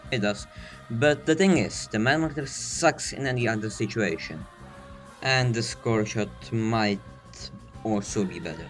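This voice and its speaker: A man giving a casual, rambling game guide while recording under a blanket, sounding slightly out of breath and self-deprecating. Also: mid-range voice. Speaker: video game guide maker.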